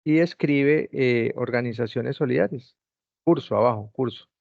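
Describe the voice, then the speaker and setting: Speaking at a moderate pace, this man has a creaky, medium-pitched voice and a dry recording. He guides students through a video call, patiently going over step-by-step instructions again, and the lo-fi call audio sounds dull.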